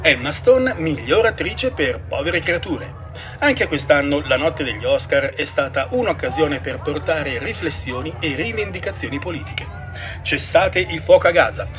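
A man's voice: fairly high pitch, fairly bright tone. Male news reader over music. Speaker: news narrator. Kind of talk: news read.

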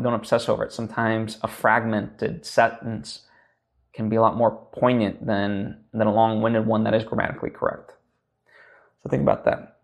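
Young man, podcast host, gravelly, casual teaching talk, rambling with restarts. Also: fairly low pitch. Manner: rambling, full of fillers and restarts.

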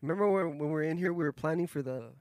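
Higher-pitched young male podcast co-host, frat-bro style. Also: very fast, a little mellow, no echo. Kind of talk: casual chat.

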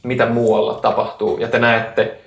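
A man at mid pitch leads a tabletop game as game master. His narration is calm and descriptive, with filler sounds between phrases. The room around his voice is echoey. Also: vocal fry.

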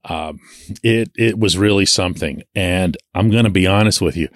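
Animated low-voiced sports podcast host. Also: male voice, normal speed, no room sound, studio quality. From Pittsburgh. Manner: animated, emphatic, stretches key words. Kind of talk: solo sports podcast talk.

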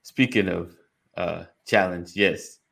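A man's voice: low voice, slow, vocal fry, fairly bright tone. A man hosting a casual live show with the joking, informal patter of a morning radio DJ, chatting to his audience. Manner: jokey morning radio DJ patter, greeting listeners by name; informal, colloquial phrasing. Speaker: host of a live online men's community show.

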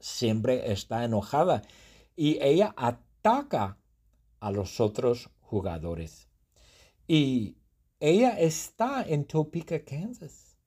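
Slow, playful male Spanish teacher. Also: medium pitch, wildly swooping pitch, mellow, breathy edge. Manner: slow, repetitive, playful storytelling with exaggerated exclamations. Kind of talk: comprehensible-input storytelling lesson.

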